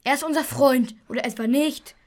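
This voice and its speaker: Actress as a kind-hearted, headstrong young boy in a kids' audio play, high voice, insistent. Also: a little fast, a little mellow, lightly acted. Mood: cross. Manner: indignant, insistent, repeats himself. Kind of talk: children's radio play.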